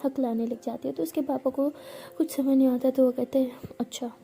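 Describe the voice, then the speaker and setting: A woman's voice: high voice, steady tone, a little fast, vocal fry, warm tone. A woman narrating a romantic story casually, in a chatty, repetitive retelling.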